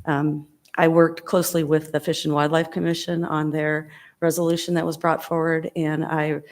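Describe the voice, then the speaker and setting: A woman giving earnest, halting public testimony at a planning meeting. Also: low voice, creaky, darkish tone. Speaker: public commenter.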